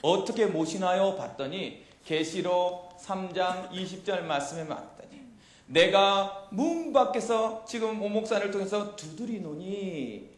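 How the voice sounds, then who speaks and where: A middle-aged man preaching a youth sermon into a handheld mic in a church hall, animated and quizzing his listeners with questions. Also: high-pitched. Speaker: pastor. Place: church hall with chalkboard, indoors.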